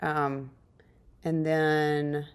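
Chatty, laughing woman, lowish voice. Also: little pitch movement, drawn-out words, smooth. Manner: laughing, self-deprecating, chatty. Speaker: podcast guest. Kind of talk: casual podcast interview.

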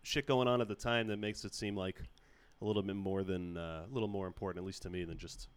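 A man's voice: low-pitched, fairly even intonation, fast talker, smooth, no echo. A man hosting a casual podcast chat, joking, rambling and laughing often. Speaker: podcast host.

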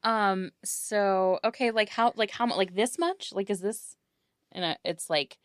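A woman playing a tabletop game, speaking in a shy, halting, stammering way. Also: medium pitch, no echo, studio quality. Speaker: player. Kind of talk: tabletop game role-play.

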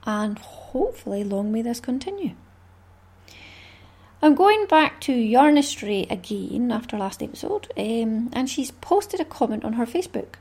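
A woman's voice: a little high, very animated, a little slow, darkish tone, breathy edge. A Scottish woman hosting a craft podcast, talking in a chatty, rambling way with small laughs. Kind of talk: casual solo podcast chat.

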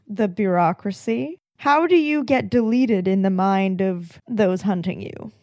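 A woman's voice: mid-range voice, measured pace, a little mellow, no echo, studio quality. A woman playing a tabletop game, chatting in a wry, enthusiastic way. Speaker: player. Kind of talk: casual tabletop play.

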